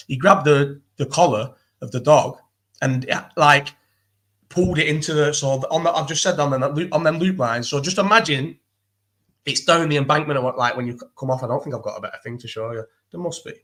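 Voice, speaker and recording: A man chatting casually as a guest, talking fast in a rambling way, swearing a lot and restarting his sentences. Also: a little high, pushed and bright. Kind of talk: casual chat.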